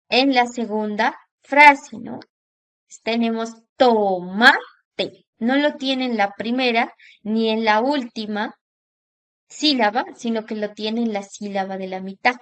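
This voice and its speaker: A woman teacher giving a recorded lesson, drawing out example words slowly to show where the stress falls. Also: a little high, fairly bright tone. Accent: Latin American Spanish.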